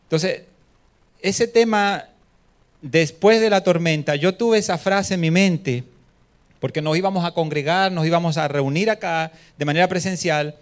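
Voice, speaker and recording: A man's voice: on the high side, a little slow. A man preaching a sermon in a church hall, chatting with the congregation and asking them questions, speaking through a face mask into a microphone. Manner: conversational, asks the congregation questions. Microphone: handheld mic, speaking through a face mask.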